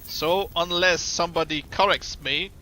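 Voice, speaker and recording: A man giving casual, rambling gameplay commentary in a halting manner, as a streamer would. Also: on the high side, steady tone, bright, forceful tone, slight background noise, rough recording. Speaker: game streamer.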